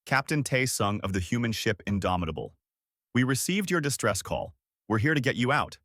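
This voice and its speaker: A man voicing a calm, commanding male starship captain. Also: medium pitch, a little fast, no echo, studio quality. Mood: firm. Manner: firm, commanding.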